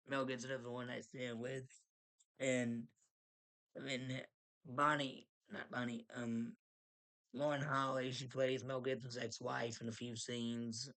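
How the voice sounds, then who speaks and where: A man's voice: medium pitch, vocal fry, fairly bright tone. A man casually reviewing a movie, rambling with frequent restarts and small chuckles.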